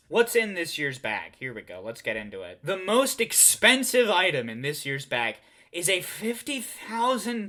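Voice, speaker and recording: A man riffing sarcastically as a comedy host. His voice is bright and tense, his delivery mocking and full of laughter. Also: high voice.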